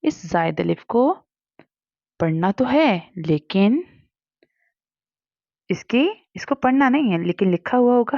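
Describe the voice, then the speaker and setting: A woman's voice: on the low side, mellow, no echo, muffled recording. Woman teacher patiently spelling out Arabic letters. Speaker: Quran reading teacher. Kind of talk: step-by-step spelling lesson.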